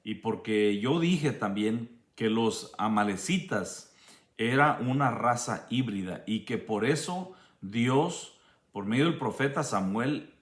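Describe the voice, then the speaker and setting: Preacher, male, unhurried teaching sermon with frequent restarts, roomy sound. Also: medium pitch, fairly bright tone. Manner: slow, measured explaining with frequent restarts. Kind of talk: bible study sermon.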